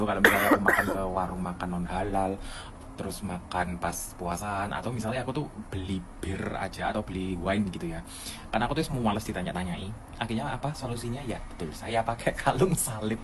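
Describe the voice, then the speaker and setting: A young man, a student abroad, telling a casual vlog story in an animated way and acting out the people he quotes. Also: lowish voice, background noise. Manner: animated, acts out quoted dialogue. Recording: music playing under the voice.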